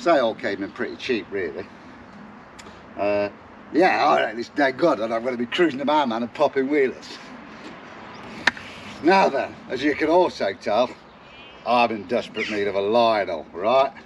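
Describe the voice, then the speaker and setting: Speaking at a moderate pace with frequent pauses, a medium-pitched man chats to camera over background noise. He is a forties-aged bike restoration vlogger from Derbyshire with a broad East Midlands accent, joking and using slang. He films mostly outdoors in a garden, with some footage in a wooden shed workshop.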